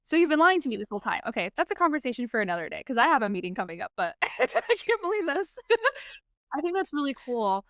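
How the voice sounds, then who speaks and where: Over a video call, a bubbly, effusive woman who works as a sales coach hosts an interview podcast, laughing often in casual conversation. Her high voice swings widely in pitch and moves fast, with a slightly bright tone. The studio sound is clean, with no room sound.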